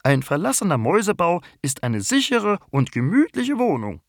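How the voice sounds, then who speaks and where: A man voicing a sleepy young female bumblebee queen in a children's story, in a squeaky, drawn-out voice. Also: big pitch swings, dry recording, clean studio sound. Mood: explaining.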